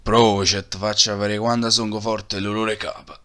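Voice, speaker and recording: A man's voice: lowish voice, level tone, a little fast, background noise, lightly acted. A man voicing a taunting, threatening alien warrior villain with a Neapolitan accent in an amateur cartoon parody dub. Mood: mocking, menacing. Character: menacing, mocking male alien warrior villain. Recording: music behind the voice.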